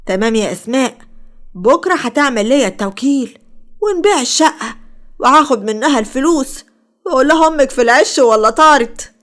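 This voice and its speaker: A woman's voice: high-pitched, lively intonation, a little fast. A woman with an Egyptian Arabic accent voicing a greedy, two-faced middle-aged aunt who nags. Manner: nagging, fake-sweet.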